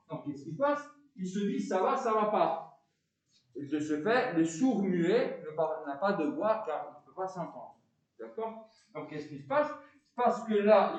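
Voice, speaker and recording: A philosophy teacher with a foreign accent, lecturing a class with animated delivery, often stopping to ask students questions and repeating words. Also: male voice, sits high, very echoey, recorded from a distance, highs cut off. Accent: foreign accent in French.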